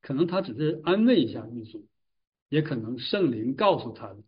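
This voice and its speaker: A man giving a Bible exposition, retelling and explaining a passage in a measured storytelling way. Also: mid-range voice, big pitch swings, breathy edge. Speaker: Bible teacher. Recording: distant mic, dull lo-fi sound.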